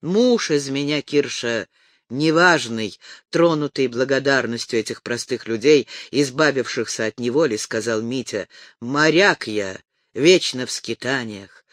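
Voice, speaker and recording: A man voicing a calm, fair-minded young sailor who speaks in a measured way. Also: mid-range voice, dry recording, studio quality, lightly acted. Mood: modest.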